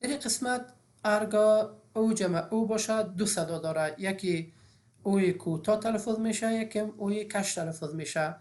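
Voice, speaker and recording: A woman's voice: medium pitch, a little mellow. A woman, teaching an English phonics lesson step by step with frequent fillers.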